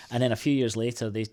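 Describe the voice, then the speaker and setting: A man from the United Kingdom, a guest on an interview show, answering in a halting, thoughtful way with many restarts and fillers. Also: mid-range voice, darkish tone. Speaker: podcast guest, IT consultancy co-founder.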